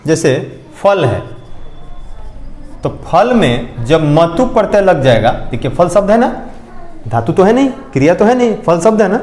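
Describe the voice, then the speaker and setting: A man's voice: sits high, big pitch swings, moderate pace, long pauses, a little mellow, echoey room. A male teacher giving a lesson, often repeating points and asking questions to check understanding. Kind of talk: classroom lecture.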